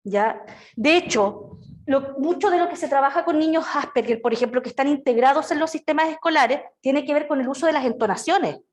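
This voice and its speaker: A middle-aged woman with a Chilean accent teaching an online class in a chatty way, often checking in with her students. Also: sits high. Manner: lively, chatty, asks "¿ya?" and "¿cierto?" often. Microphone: video call.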